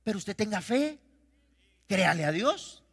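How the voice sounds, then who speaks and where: A male pastor preaching a sermon, swinging between loud declarations and quiet storytelling. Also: high-pitched, sing-song, measured pace, husky. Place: church sanctuary. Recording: reverberant church hall.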